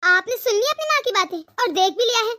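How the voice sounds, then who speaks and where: A woman voicing a proud, sharp-tongued young daughter-in-law in a cartoon, lecturing her in-laws. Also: very high-pitched, expressive, fast talker, exaggerated voice. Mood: resigned. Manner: indignant, lecturing. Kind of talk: cartoon voice acting.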